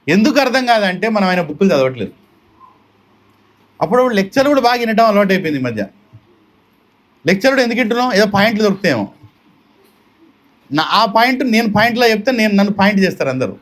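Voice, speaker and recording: Guy giving a devotional talk at someone's home, high voice, keeps asking the room questions. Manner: emphatic, full of rhetorical questions, mixes in English. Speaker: devotional speaker. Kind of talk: sermon-style storytelling. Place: home gathering.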